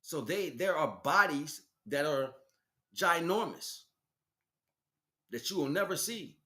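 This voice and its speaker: Speaking slowly in a fairly high, sharp-toned voice, a man preaches an off-the-cuff spiritual monologue on his livestream. He is animated and emphatic, repeating phrases for stress.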